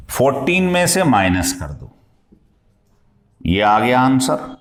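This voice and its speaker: A male chemistry teacher lectures as if in a classroom, walking through the material step by step and putting questions to his students along the way. His voice sits in the mid-range with a slightly bright quality. The room is echoey.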